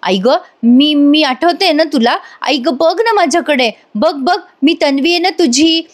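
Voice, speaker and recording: A woman putting on a desperate young daughter who begs and insists without letting up. Her voice rides high above her own, and she stumbles over repeated words as she pleads. She sounds like a soap-opera heroine retold aloud. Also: measured pace. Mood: pleading. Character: young woman frantically begging her mother.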